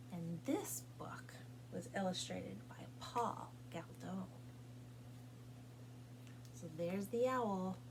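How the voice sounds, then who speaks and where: Over a noisy background, a children's librarian runs storytime in her mid-range voice. She reads aloud, sings along, and poses questions to her young listeners in a playful, sing-song, coaxing manner.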